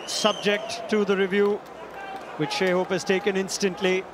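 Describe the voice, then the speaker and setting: A man commentating on cricket with lively, emphatic calls. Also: sits high, normal speed, a crowd in the background, background noise.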